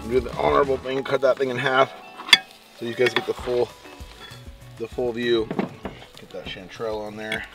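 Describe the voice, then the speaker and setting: A man at medium pitch talks a little fast, with little pitch movement and long pauses. As an outdoor camping and fishing vlogger, he chats casually with viewers in a folksy, playful, exuberant manner loaded with quirky slang. Music plays in the background.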